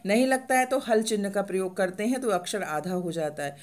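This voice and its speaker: A woman teaching reading step by step, asking the viewer questions and slowly drawing out each syllable as she sounds it. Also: mid-range voice, darkish tone. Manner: slow, drawn-out sounding out of syllables; asks the viewer questions and answers them. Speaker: Hindi teacher.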